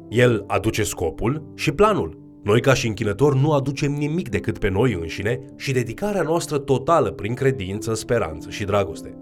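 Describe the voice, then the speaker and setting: A man giving a scripted Bible lesson, reading scripture with added emphasis. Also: mid-range voice. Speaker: Bible teacher.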